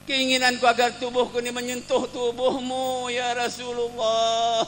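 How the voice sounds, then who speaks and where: A man voicing an earnest male companion who pleads loudly and insistently. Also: medium pitch, brisk, a little hiss or hum, close to an everyday voice. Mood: tearful. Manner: loud, insistent pleading, turning tearful.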